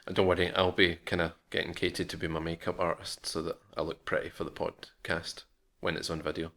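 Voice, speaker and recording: A man's voice: sits low, flat delivery, brisk, a bit bright. A man with a Scottish accent, co-hosting a podcast in casual, self-mocking chat. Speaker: podcast co-host.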